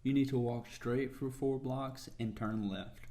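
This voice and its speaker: A man playing a helpful passer-by who gives street directions, in a calm, plain scripted practice dialogue. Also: mid-range voice, slow pace.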